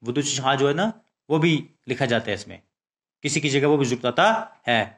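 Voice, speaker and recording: A man teaching young children the alphabet, reciting letters slowly and often checking that they understand. He speaks Urdu with a Pakistani accent. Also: medium pitch, a bit bright. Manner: slow, drawn-out recitation with frequent check questions.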